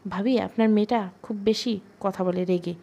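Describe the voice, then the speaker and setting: A snide older neighbor woman in an audio storybook, dropping barbed remarks, read by a woman. She drawls her jabs. The tone is mellow and dark. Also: mid-range voice, steady tone, moderate pace, gravelly. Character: snide older female neighbor, sneering gossip.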